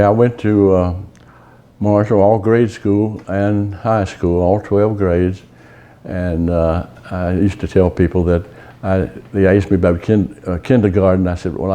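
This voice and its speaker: A man in his eighties from Virginia, reminiscing about his hometown in an unhurried, folksy way, with many pauses and fillers. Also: low voice, mellow. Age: 80s. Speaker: local resident sharing memories. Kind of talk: casual reminiscing. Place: outdoors on a town street.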